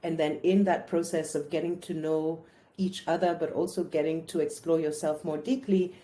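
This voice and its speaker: A woman, a writer and director, reflecting calmly in an interview on an arts program she co-directed. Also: deep voice, moderate pace. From Gambia and Spain. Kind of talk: interview testimony.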